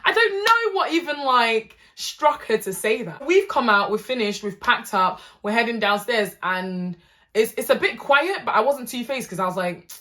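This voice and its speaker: Bright-voiced British woman telling a story. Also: fairly high pitch, normal speed. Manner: animated, slangy storytelling. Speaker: vlogger. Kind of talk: storytime vlog.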